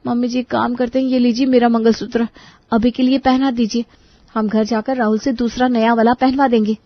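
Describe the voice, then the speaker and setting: A woman's voice: fairly high pitch, flat delivery, a little fast, dry recording, muffled recording, close to an everyday voice. A woman voicing a polite, eager young daughter-in-law in a cartoon story.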